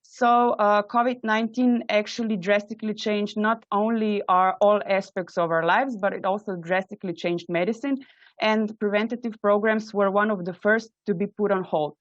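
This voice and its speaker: A woman's voice: medium pitch, fairly even intonation, normal speed, dry recording. Woman presenting with many fillers. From Slovenia. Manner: earnest, many hesitant "uh" fillers. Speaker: invited speaker, microbiology trainee. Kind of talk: webinar presentation. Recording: dull, dry webinar audio.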